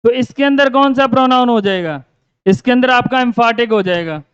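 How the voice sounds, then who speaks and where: A man's voice: very high voice, a little fast, a bit bright, clear, resonant tone, dry recording, highs cut off. A male teacher giving a grammar lesson, repeating his own questions and answering them.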